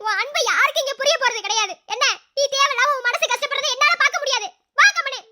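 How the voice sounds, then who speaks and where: A hurt young cartoon woman, shrill and on the edge of tears, as a woman acts her out. Her voice climbs very high and sharp, pushing someone away. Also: flat delivery, a little fast, slight background noise. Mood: tearful. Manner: shrill and emotional. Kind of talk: cartoon voice acting.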